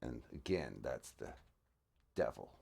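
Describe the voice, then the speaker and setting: A man's voice: very deep voice, expressive, unhurried. A man, a guitarist, casually breaking down a song in an explanatory, thoughtful way with frequent fillers. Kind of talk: casual music breakdown commentary. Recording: music playing in the background.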